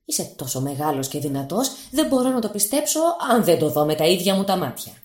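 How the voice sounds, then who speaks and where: A woman's voice: big pitch swings, a little mellow. A woman playing a frightened young fisherman. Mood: sly flattery. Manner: pleading, quick-witted, high and breathless when scared. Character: clever young male fisherman, easily frightened. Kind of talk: radio storytelling. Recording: roomy studio echo.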